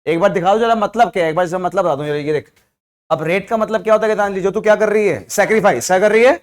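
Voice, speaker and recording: High-voiced male economics teacher. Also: fast talker. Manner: explains with rhetorical questions to students; mixes English terms into Hindi. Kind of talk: classroom lecture.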